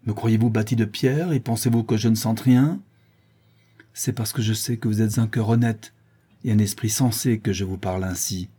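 A man playing a bitter young peasant hunter in an audiobook, low and sombre. His voice is dark and husky with a brooding edge. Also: normal speed.

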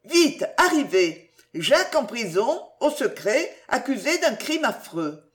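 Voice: big pitch swings, takes it slowly, a bit bright. A reader voicing a distressed aristocratic mother, a marquise, in an audiobook, pleading and emotional. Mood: urgent. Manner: pleading, emotional, high-strung. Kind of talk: audiobook character reading.

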